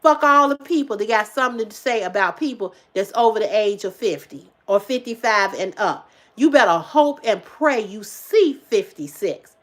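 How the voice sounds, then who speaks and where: This fifty-something livestream host chats casually with her audience, hammering points home through repetition and plenty of swearing. She alternates loud exclamations with low asides, her intonation lively and her speed normal.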